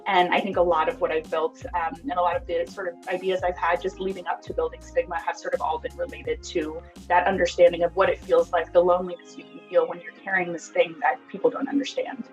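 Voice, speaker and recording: On poor-quality audio with faint music in the background, a woman speaks quickly in a lowish, level voice, barely pausing. She's an app founder in her thirties from Costa Rica, sincere and candid as a podcast guest in a reflective interview, and her speech is full of ums and likes.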